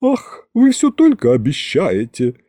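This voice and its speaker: A man's voice: huge pitch swings, a little slow, mellow, no echo, studio quality, heavily acted. A man voicing a sly, flirtatious male palace butler who talks in a coy, mocking way. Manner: coy, mocking, higher-pitched.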